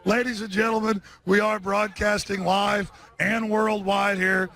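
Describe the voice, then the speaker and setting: High, gravelly man hosting a rally stream. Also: little pitch movement, unhurried, bright, forceful tone. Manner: sarcastic, scattered, lots of restarts. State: short on sleep. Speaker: live-stream host. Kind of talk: rambling live commentary. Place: outdoors at a street rally.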